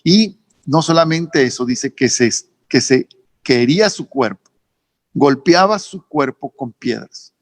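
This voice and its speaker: A man with a northern Mexican accent, a pastor preaching a sermon, repeating phrases emphatically and rising in pitch on key words. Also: expressive, measured pace, dry recording. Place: church service streamed online.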